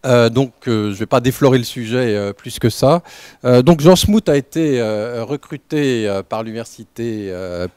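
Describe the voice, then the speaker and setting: A man giving an unscripted welcome talk as director of a research lab, halting, with many fillers and restarts. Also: medium pitch, expressive, a little mellow, clean tone, no echo. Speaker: lab director opening a training session.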